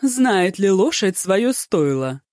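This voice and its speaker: A narrator voices a flamboyant, tipsy male poet who is effusive, theatrical and very pleased with himself, pitching above his own natural voice. The delivery is expressive, mid-range and darkish at a moderate pace, in a dry, studio-quality recording.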